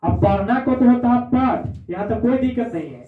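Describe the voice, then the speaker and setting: A male teacher, speaking in a fairly high voice. He repeats his points and checks in with his students as he goes. The sound is thin and phone-like, picked up from a distance in an echoey room. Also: animated, brisk. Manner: repetitive, checks in with "है ना?". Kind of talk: classroom lesson. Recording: echoey, far-off, phone-like audio.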